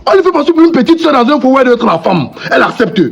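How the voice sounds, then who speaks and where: A man playing a shrill, indignant accused friend. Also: very animated, very fast, creaky, exaggerated voice. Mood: outraged. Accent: Cameroonian French. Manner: agitated, repeats himself, protests loudly. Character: indignant man accused of flirting, quick to anger. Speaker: actor in a comedy sketch. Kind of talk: comic sketch acting.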